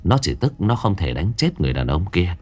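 A man narrating a scripted ghost story in a steady, expressive storytelling voice. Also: sits low, fairly quick, soft background music.

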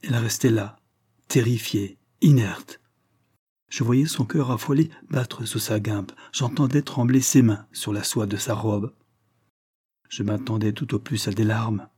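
A man giving a solemn, measured, expressive dramatic reading of a literary text. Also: on the low side, slightly rough. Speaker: reader.

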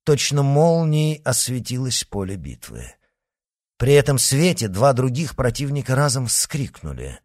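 Brief: male audiobook narrator, lively dramatic delivery, dry close sound. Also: medium pitch, a little slow, dry recording. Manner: expressive, theatrical reading.

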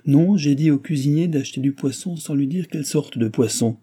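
A man's voice: mid-range voice, moderate pace, mellow, slightly rough, lightly acted. A man voicing the lady of the house, who answers her husband politely and a little defensively. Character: mild, placating lady of the house.

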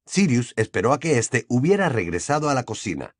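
Expressive male audiobook narrator. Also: mid-range voice, fairly quick, no echo, clean studio sound. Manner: expressive, storytelling. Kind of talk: scripted narration.

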